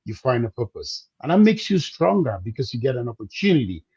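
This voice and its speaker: Husky man, measured and mellow. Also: medium pitch, sing-song, no echo, highs cut off. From Cameroon. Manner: measured and reflective, slowing to stress points. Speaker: guest, business coach. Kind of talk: conversational interview.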